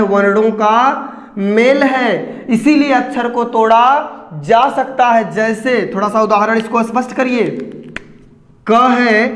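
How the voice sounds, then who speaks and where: A man teaching a Hindi grammar lesson, putting questions to his students and then answering them himself. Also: very high voice. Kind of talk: classroom lecture. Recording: echoey room with long reverb.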